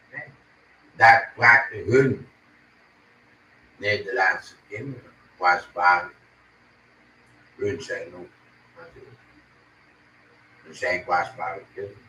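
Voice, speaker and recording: A man's voice: low-pitched, bright, forceful tone. Agitated man ranting in a roomy space. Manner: agitated, ranting, repeats himself. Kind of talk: angry monologue to camera. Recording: roomy, distant from the mic, faint noise.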